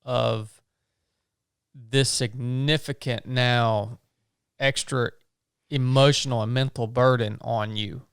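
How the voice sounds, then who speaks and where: A man's voice: mid-range voice, steady tone, takes it slowly, clear, resonant tone, no room sound, studio quality. A man hosting an interview, asking probing questions and giving short affirmations. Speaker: podcast host.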